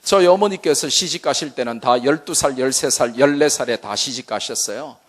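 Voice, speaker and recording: A male pastor from Busan giving a humorous evangelism sermon at a church seminar, animated and full of jokes. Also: medium pitch, normal speed. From Busan, South Korea. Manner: animated, joking, full of vivid asides.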